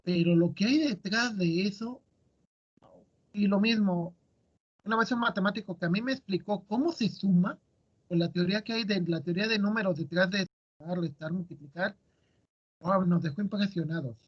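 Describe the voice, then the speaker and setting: Male teacher, high voice, quizzing his students, muffled audio. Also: normal speed, slightly rough. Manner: asks students questions, explains step by step. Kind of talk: classroom lecture.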